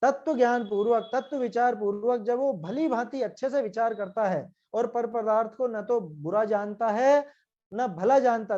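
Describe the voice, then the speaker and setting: A man's voice: sits high, warm tone. Man explaining scripture, dull lo-fi sound. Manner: questioning, checks in with listeners often. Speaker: scripture teacher.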